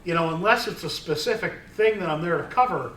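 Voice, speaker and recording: A middle-aged man speaks to a live audience about his work, rambling and full of fillers. His voice sits a little high. The recording is distant and roomy with faint hiss. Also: animated, a little fast, a bit bright. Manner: rambling, with many fillers and restarts. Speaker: sports photographer giving a talk. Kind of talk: casual talk to an audience. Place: room with an audience.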